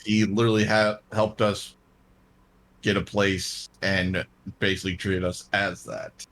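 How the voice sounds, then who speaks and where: A male gem dragon speaking in an earnest, hesitant manner, with pauses between his phrases, voiced by a man. His voice is low and his delivery is slow and calm. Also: slight background noise.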